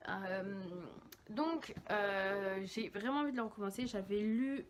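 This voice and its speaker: A young woman chatting casually about books, lively and rambling, with many fillers and self-corrections. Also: mid-range voice, a little slow, noisy background. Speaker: book vlogger. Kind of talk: casual chat.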